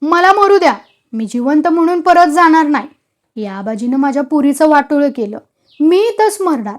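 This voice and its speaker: A woman's voice: high voice, big pitch swings, moderate pace, pitched above the performer's own voice. A woman voicing a despairing older father-in-law who cries out. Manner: crying out in despair.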